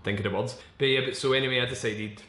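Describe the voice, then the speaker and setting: A man's voice: mid-range voice, fairly even intonation, pushed and bright. Frank young man in an echoey room. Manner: halting, searching for words, frequent restarts; frank and swearing. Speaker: vlogger. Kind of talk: candid personal vlog monologue.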